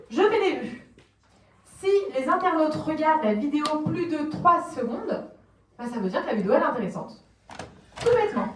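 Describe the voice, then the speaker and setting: A French woman giving a lively conference talk, explaining plainly, asking the audience questions and acting out quotes. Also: high voice. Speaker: conference speaker on social media marketing. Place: conference room, recorded from a distance. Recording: roomy, distant conference recording.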